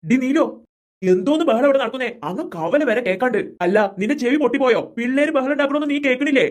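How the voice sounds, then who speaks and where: Cartoon role: easygoing, coaxing father; quick, slightly raised voice. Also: high-pitched, animated. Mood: teasing. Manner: coaxing, easygoing, mildly teasing. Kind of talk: cartoon voice acting.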